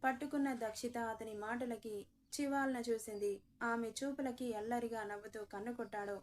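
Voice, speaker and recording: A woman narrating a dramatic romance story in an expressive, emotive storytelling manner. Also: a little high, moderate pace, a little hiss or hum.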